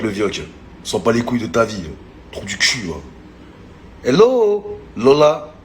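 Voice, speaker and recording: Low-voiced man hurling taunts. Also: a little hiss or hum. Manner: mocking, insulting, slangy. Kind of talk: taunting social media story rant.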